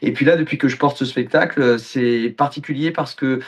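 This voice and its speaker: A man's voice: medium pitch, brisk, muffled recording. French-born male actor, mid-range voice, expansive interview talk. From France. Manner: expansive, talks at length. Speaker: actor and author, podcast guest. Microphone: video call.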